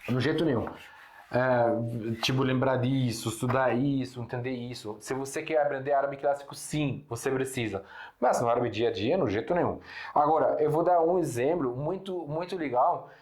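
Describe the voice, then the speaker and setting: A man's voice: mid-range voice, normal speed, a little mellow. Arabic-accented man teaching in an echoey room. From Syria. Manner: patient explaining, frequent self-corrections and rhetorical questions. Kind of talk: online language lesson.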